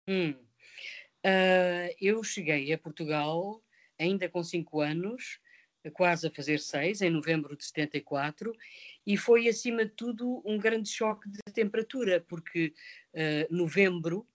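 A woman's voice: fairly low pitch, a little slow. A woman in her fifties, from Mozambique, an actress answering interview questions in a reflective way, with many hesitations. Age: 50s. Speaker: actress guest.

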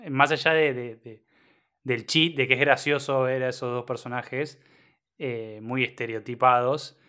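A man discussing a film in a thoughtful, halting way. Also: medium pitch, fairly even intonation, sharp tone, clear, resonant tone. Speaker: podcast film critic.

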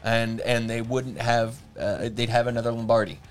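A man's voice: medium pitch, flat delivery, normal speed, faint music behind. A man hosting a casual podcast chat, rambling and profane, with lots of fillers and restarts. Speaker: podcast host.

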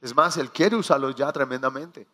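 A man preaching a sermon, telling stories with acted asides and slowing down to stress key phrases. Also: medium pitch, bright, forceful tone. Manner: storytelling with acted asides and quoted prayers.

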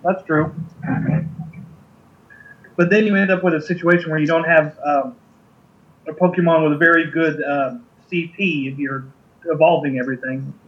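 A man's voice: on the high side, fairly even intonation, moderate pace, long pauses, muffled recording. A man co-hosting a podcast in casual chat, easygoing and full of ums, laughing often. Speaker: podcast co-host.

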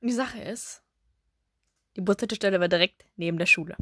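A young woman co-hosting a casual chat, animated, acting out her younger self and laughing often as she tells a story. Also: lowish voice, brisk, no echo, clean studio sound. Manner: animated, acts out her younger self with sudden loud cries; laughs often while telling. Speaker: podcast co-host.

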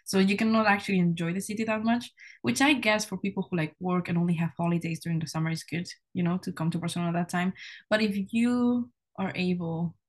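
A young woman from Spain, a university student, chatting casually as a podcast guest, with many "like" and "you know" fillers. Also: fairly low pitch. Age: young adult.

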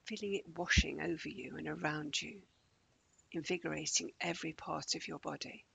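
A man leading a guided morning meditation in a slow, gentle, calming way, often dropping close to a whisper. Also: on the high side, gravelly, husky, poor audio.

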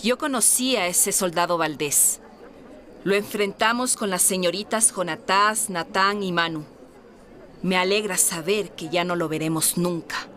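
A woman's voice: on the low side, unhurried, fairly bright tone. A woman playing a refined, romantic lady in a historical audio drama, speaking formally and earnestly as if confiding. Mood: composed, resolute. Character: refined, candid married lady, romantic and independence-minded.

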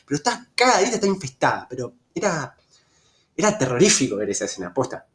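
A young man with an Argentine Rioplatense accent telling a story in a casual, slangy way. His pitch jumps sharply at the tense moments. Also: sing-song, quick pace. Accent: Argentine Rioplatense Spanish. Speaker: vlogger.

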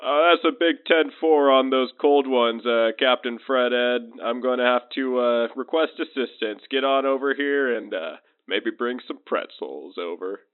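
A man's voice: medium pitch, normal speed, few pauses. A man playing a male fire captain slacking off with beers, laid-back and hesitant, heard over a police-style two-way radio. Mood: casual. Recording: tinny radio line.

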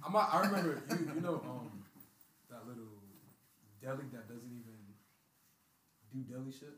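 A man's voice: mid-range voice, expressive, moderate pace, fairly bright tone, reverberant, recorded from a distance, slight background noise. A man chatting casually on a podcast with friends, telling stories in laid-back slang.

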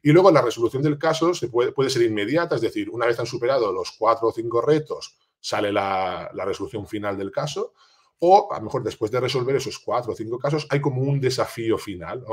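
A man's voice: mid-range voice, fast. A man, a teacher explaining a classroom project in an informal way, with many fillers and restarts. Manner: restarts and repeats words while thinking aloud.

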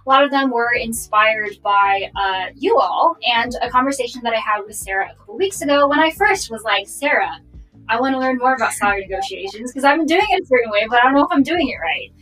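A young adult woman hosting a casual live-streamed interview, chatty with many fillers, heard through low-quality stream audio. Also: lively intonation, fast talker, sharp tone. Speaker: host. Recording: distant low-quality stream mic, faint music.

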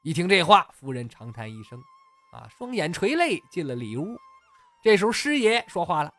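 This comic storytelling podcast features a chatty teller who chuckles along with the story and leans on lots of fillers. The voice is medium-pitched, very animated and a bit bright, at normal speed, with soft music in the background.

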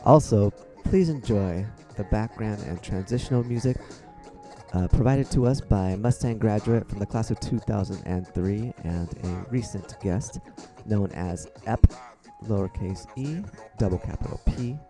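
A man's voice: on the low side, a little slow, warm tone, soft background music. A man, a school counselor, hosting a podcast interview with an upbeat, encouraging manner.

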